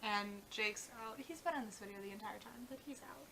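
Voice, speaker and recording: A young woman co-hosting a casual vlog chat, talking fast and loose with lots of fillers. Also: medium pitch, creaky, noisy background. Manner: chatty, many "like" fillers, trails off. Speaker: vlog co-host.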